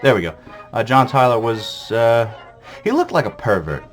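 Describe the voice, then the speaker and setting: Very animated and medium-pitched, a man speaks at a moderate pace over soft background music. He's a coffee-jittery vlog host swearing and rambling through the presidents in an irreverent history bit packed with fillers.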